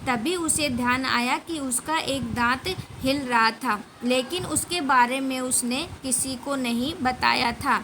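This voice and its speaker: A woman teacher slowly retelling a story in simple Hindi. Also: high voice, a bit bright, slight background noise, low-quality recording. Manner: slow, careful storytelling.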